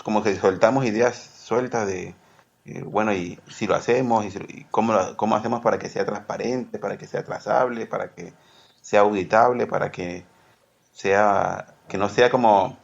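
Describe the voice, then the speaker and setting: Man, gravelly low voice, rambling podcast guest on dull lo-fi call audio. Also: moderate pace. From Peru. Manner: rambling, self-correcting, laughs easily. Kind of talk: casual podcast interview.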